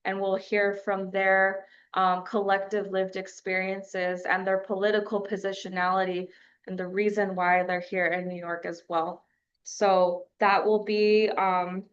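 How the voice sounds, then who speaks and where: A woman from New Mexico speaking at a press conference, measured and pausing often on fillers. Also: mid-range voice, level tone, lo-fi sound. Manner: measured, with frequent filler pauses.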